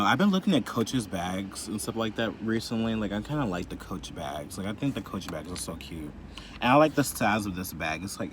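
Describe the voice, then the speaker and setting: A man's voice: on the low side, noisy background. Profane young man ranting in a car. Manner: profane, filler-heavy, quick to anger. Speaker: vlogger. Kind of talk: casual vlog rant. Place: inside a parked car.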